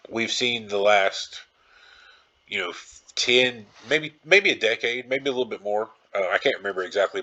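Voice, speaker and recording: Hosting a solo podcast, a man with a fairly low, sharp-toned voice rambles casually, often circling back to repeat his own phrases.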